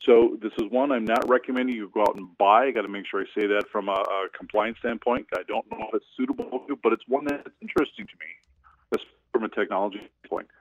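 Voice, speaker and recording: A man's voice: lowish voice, fast talker, no echo. Brief: hesitant man on a dull phone line. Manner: rambling, with many hesitations. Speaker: financial advisor, regular guest. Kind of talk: casual radio chat. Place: cabin in the woods. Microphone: phone or internet call.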